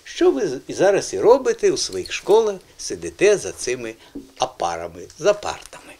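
A middle-aged man presenting a lively language segment on television, quizzing children and repeating words in a teacherly way. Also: on the high side, normal speed.

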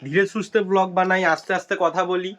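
A young man chatting excitedly to viewers in a casual daily vlog. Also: sits high, quick pace. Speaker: vlogger. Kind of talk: casual vlog chat to camera.

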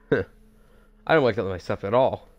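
A man giving casual, excitable commentary while playing a shooter game, swearing and thinking aloud. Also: on the low side, a little slow, muffled recording, faint music behind. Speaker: gamer.

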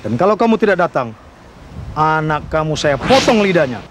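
A man's voice: fairly high pitch, sing-song, normal speed, background noise. An actor playing a menacing gang boss who calls himself a king, with a roaring, imperious manner, in a TV crime drama. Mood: threatening. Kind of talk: television crime drama acting. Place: outdoors.

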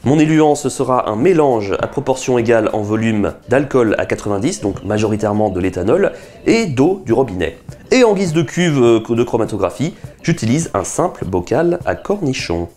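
Lively man explaining a chemistry experiment. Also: mid-range voice, normal speed. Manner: lively, enthusiastic teaching tone with chatty asides. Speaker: science video host. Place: small indoor room, seated at a table.

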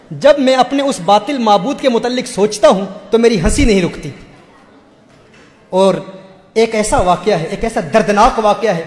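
High-voiced preacher in an echoing hall. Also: male voice, a little mellow. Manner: emotional, repetitive pleading cadence. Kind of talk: sermon storytelling. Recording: echoey hall.

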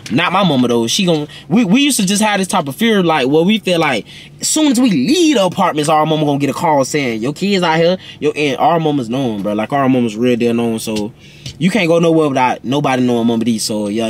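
A young man telling a casual storytime in an animated, rambling, slangy way. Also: a little high. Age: young adult. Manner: animated, rambling storytelling with slangy talk and repeated tag questions. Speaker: vlog host. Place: inside a parked car.

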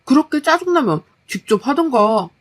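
A woman's voice: high voice, very animated, normal speed, voice pushed up. A woman voicing a lazy, defensive young husband who grumbles and brushes off complaints in a story. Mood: grumbling, defensive. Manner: whiny, dismissive.

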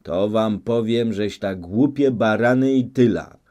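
Man voicing a loud fiery peasant agitator. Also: deep voice, a little slow, muffled recording. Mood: heated, insistent. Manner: shouting, insistent. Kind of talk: audiobook reading.

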